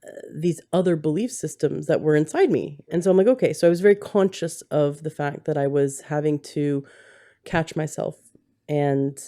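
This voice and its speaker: A woman podcast host with a lowish, mellow voice, talking candidly in a loose, rambling way. She tells her own story with plenty of restarts and self-corrections. She is recorded at home on a handheld mic. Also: moderate pace. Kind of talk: candid conversational interview. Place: home setting, husband holding the mic.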